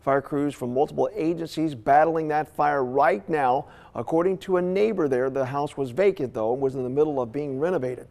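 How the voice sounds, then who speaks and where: Anchoring a morning television newscast, this American man presents stories and handles live interviews in a broadcast style. His slightly higher-than-average male voice is a little mellow and creaky, moving at a moderate pace with few pauses.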